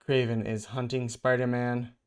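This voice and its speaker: A man hosting a vlog, chatting casually and thinking out loud while he reads a comic aloud. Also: mid-range voice, flat delivery, moderate pace, clear, resonant tone. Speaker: vlog host.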